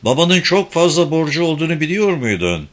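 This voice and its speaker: A man's voice: fairly high pitch, big pitch swings, fairly quick, voice pushed up. A male reader playing a serious female police officer who questions a witness steadily in an audiobook.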